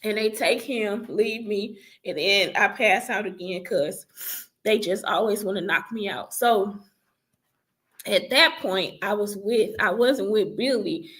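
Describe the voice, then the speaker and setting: A woman's voice: medium pitch, measured pace, a bit bright. A woman vlogger recounting her life story in casual first-person talk, rambling with many fillers and self-corrections.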